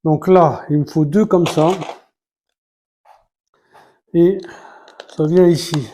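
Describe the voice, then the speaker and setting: A man's voice: a little high, steady tone, takes it slowly, dark tone, slight background noise. A man talking casually and hesitantly as he builds a model set, counting pieces aloud and restarting his sentences. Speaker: Lego building vlogger. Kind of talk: casual live building commentary.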